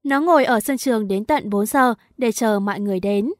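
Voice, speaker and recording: Female audiobook narrator, somewhat high voice, dry booth sound, reads a teen story and does every character lightly. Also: fairly quick, dry recording. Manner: reads dialogue of many characters in one lightly shifted voice.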